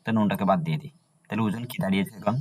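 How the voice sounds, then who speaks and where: A deep-voiced man with a Bangladeshi Bengali accent gives a lecture on Arabic meter. He keeps asking rhetorical questions and answering them himself. He chants the meter's syllables slowly and drawn out. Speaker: Arabic prosody teacher. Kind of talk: classroom lecture.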